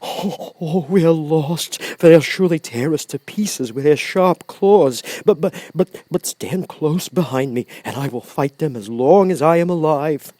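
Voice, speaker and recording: Man voicing the anxious, quavering Cowardly Lion, pitched up. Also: mellow, no echo. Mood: panicked, trembling. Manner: stammering, drawn-out fearful exclamations. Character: big cowardly lion, anxious, trembling, whimpering, lovable.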